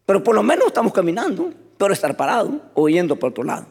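Male pastor mid-sermon, lively and expressive, slightly high voice, reverberant hall. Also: quick pace, gravelly, slightly rough. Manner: animated preaching, often calling the congregation "hermano".

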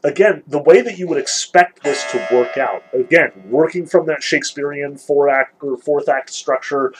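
A man's voice: a little high, normal speed, faint music behind, low-quality recording. A man giving an informal literature lecture, talking loosely with many "like"s and "sort of"s and reading passages aloud from a novel. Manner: loose and conversational, full of "like" and "sort of".

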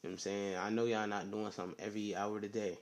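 A young man hosts his own podcast alone, chatting loosely and circling back on himself. His voice sits on the low side and he keeps it subdued, peppering his talk with slang and filler phrases. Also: flat delivery, rapid-fire. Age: young adult. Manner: rambling, slangy, often says "you know what I'm saying". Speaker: podcast host. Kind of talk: casual solo podcast chat.

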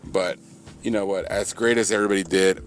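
A man's voice: fairly quick, a little hiss or hum. A man coaching at a gym, recapping the day's workout for his podcast in a casual, joking way, full of fillers and playful hype. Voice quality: low monotone voice, by his own joke.

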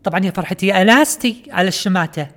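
Fast sarcastic Kuwaiti woman host. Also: medium pitch. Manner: sarcastic, mocking. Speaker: podcast host. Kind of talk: comedic podcast monologue.

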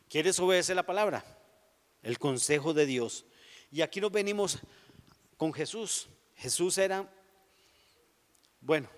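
Animated preacher in a reverberant hall. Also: male voice, a little high. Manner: animated, rhetorical questions, dramatic tempo swings. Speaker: pastor. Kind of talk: sermon.

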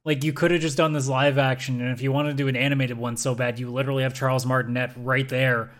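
Guy on a podcast, blunt and opinionated, mid-pitched voice, leans hard on his points. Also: little pitch movement, quick pace. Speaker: podcast co-host. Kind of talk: casual chat.

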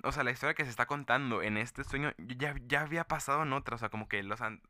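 A man's voice: mid-range voice, fast, sharp tone, dry recording, studio quality. A young man with a Mexican Spanish accent, talking casually in a rambling monologue full of fillers and restarts. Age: young adult.

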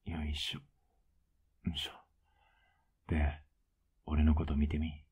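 Whispered role-play, male voice actor as a doting older boyfriend: husky, very low, flat and coaxing. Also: slow, heavily acted. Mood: teasing tender. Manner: teasing, soft-spoken, coaxing.

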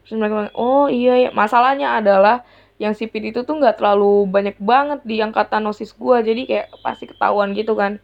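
A young adult woman, telling a personal story in a slangy, exasperated, animated way. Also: on the high side, a little fast, creaky. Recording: dull lo-fi sound.

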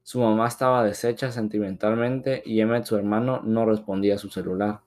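A man's voice: fairly low pitch, fairly even intonation, fairly quick, a little mellow. Male storyteller reading a drama.

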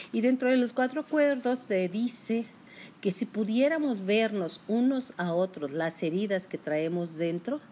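A woman's voice: mid-range voice, a little mellow, slight background noise. A woman giving a motivational self-help talk, speaking directly to the listener in a coaching manner.

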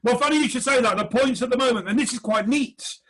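A man's voice: very high-pitched, quick pace, a bit bright, breathy edge, rough recording. A man hosting a comedy quiz over a video call, jokey and hesitant with many fillers. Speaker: quiz host. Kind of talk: online comedy panel show hosting.

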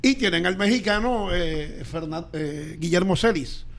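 A Colombian man with a Caribbean coast accent talks through football broadcasts in a loose, rambling way. His voice sits high for a man, and laughter keeps breaking into his sentences. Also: measured pace. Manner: animated, rambling, laughs often. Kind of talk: casual sports chat.

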